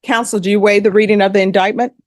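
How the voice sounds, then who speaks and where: Woman, judge, measured formal delivery, courtroom, dry close sound. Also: mid-range voice, fairly even intonation, no echo. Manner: measured, formal reading of legal admonishments.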